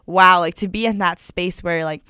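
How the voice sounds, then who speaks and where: A woman's voice: on the low side, fairly even intonation, moderate pace, sharp tone, clean tone, no echo, clean studio sound. A young woman in her twenties co-hosting a college radio show, chatting casually about music with many fillers and frequent laughs. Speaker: radio co-host.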